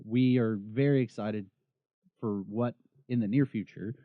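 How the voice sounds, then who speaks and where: A man's voice: on the low side, steady tone, no room sound, phone-quality sound. A man co-hosting a gaming podcast in casual chat, joking and cursing freely. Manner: fast, joking and profane. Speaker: podcast co-host.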